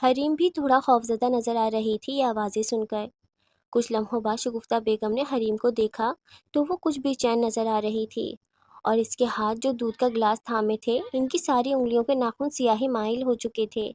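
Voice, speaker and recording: A woman narrating a horror novel in a steady, even storytelling voice. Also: on the high side, no echo, clean studio sound. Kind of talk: audiobook horror reading.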